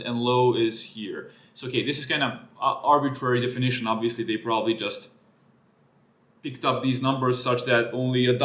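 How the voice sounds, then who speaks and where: A Serbian man, a native Serbian speaker, walks through a research paper on a live stream, thinking aloud and correcting himself along the way. His voice is at an ordinary middle pitch and a bit bright. The room gives a noticeable echo.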